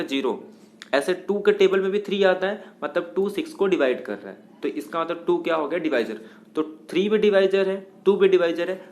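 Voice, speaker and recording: High-voiced man teaching math. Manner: explains step by step, asks and answers own questions; mixes English math terms into Hindi. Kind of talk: classroom lecture.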